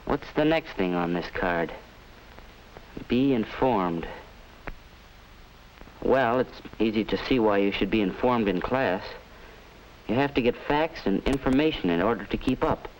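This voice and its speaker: A man's voice: fairly low pitch, animated, measured pace, pauses often. A man acting as an earnest, polite young student in a 1950s educational film, thinking things through aloud. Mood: pondering. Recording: crackly old 1950s film soundtrack.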